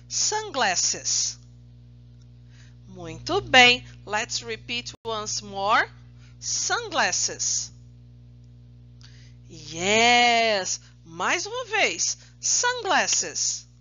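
Woman teacher for a kids' lesson, very slow and lively in pitch, slightly dull lo-fi recording. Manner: slow, drawn-out drilling of words, praising often. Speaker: primary school English teacher. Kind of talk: recorded remote English lesson for children.

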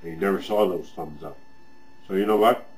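A man's voice: low-pitched, a little fast. A man talking with a pipe in his mouth, giving a rambling, friendly weekly review of other people's videos and repeating himself. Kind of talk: casual weekly review vlog.

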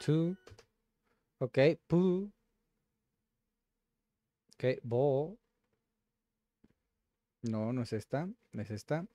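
Guy doing casual language practice, says it really slow, sounding out each word. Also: medium pitch, animated, mellow, dry recording. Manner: repeats words slowly, sounding them out. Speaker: host.

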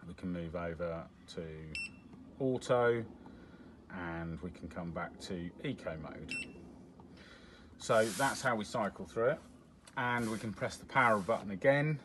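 A product demonstrator with a fairly low voice works through a device's controls one step at a time, pushing buttons and describing each in a plain, matter-of-fact manner. It's an indoor hands-on walkthrough at a table with a demo unit, and background noise is noticeable.

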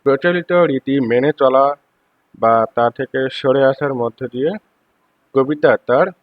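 A man with a Bangladeshi accent giving a lecture, reading English phrases slowly and then explaining them more quickly. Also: medium pitch, dry recording. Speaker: teacher. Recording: dull lo-fi dry recording.

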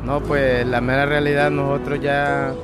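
A man's voice: medium pitch, unhurried. A young man from Honduras, plainly recounting his journey outdoors into a mic held out to him. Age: young adult. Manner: plain, even-toned storytelling with filler "pues". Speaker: migrant interviewee. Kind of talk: casual testimony. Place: outdoors on a city street. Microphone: handheld lapel mic held by interviewer.

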